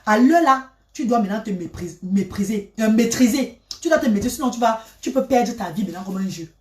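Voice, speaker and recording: A woman telling a personal story in a dramatic, repetitive way that swings between loud and hushed. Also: fairly high pitch, animated, brisk. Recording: roomy, from a distance.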